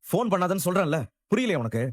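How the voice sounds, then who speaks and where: A man's voice: high voice, sing-song, fast, no room sound, clean studio sound. An actor playing a hot-tempered young man who snaps at his girlfriend on the phone with sarcastic, dismissive anger. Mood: angry. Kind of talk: TV serial acting.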